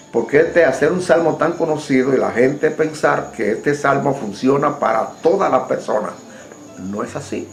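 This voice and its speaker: Un hombre predicando un sermón con acento dominicano, que lanza preguntas directas a quienes lo escuchan. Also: male voice, mid-range voice, vocal fry, reverberant, rough recording. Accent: Dominican Spanish. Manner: asks the listeners direct questions. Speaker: preacher. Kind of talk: sermon.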